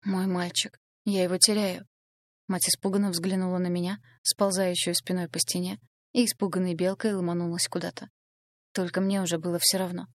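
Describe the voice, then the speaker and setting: A woman reading a dramatic first-person novel aloud in a steady narrating style. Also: lowish voice, a little fast, dry recording, studio quality. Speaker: audiobook narrator.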